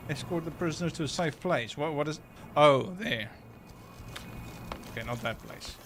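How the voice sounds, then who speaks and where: A man's voice: on the high side, normal speed, noisy background. A man streaming a game live, chatting and reacting aloud as he plays. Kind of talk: casual live gameplay commentary.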